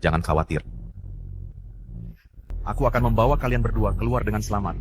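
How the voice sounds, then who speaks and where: A man's voice: on the low side, brisk, noisy background, natural voice. A man dubbing a wronged young hero, intense and resolute. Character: wronged young male hero, son-in-law. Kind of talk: dubbed drama acting.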